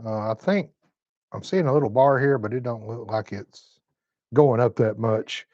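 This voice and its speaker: A man in his fifties hosts a live stream from home, reading through comments in a relaxed, folksy Southern way. His voice is mid-pitched with a darkish tone, and he talks at a moderate pace. The recording is dry, with a slightly muffled, dull top end.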